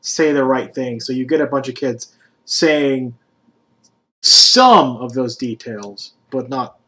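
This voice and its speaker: A man acts as game master for a tabletop role-playing game, describing scenes in a relaxed manner packed with fillers. His voice is mid-range and he speaks slowly.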